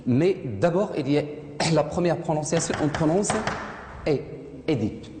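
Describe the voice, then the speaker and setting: A woman's voice: deep voice, normal speed. A woman teaching a French lesson to a class, asking questions, repeating students' answers and correcting their pronunciation. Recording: echoey classroom with loud noise.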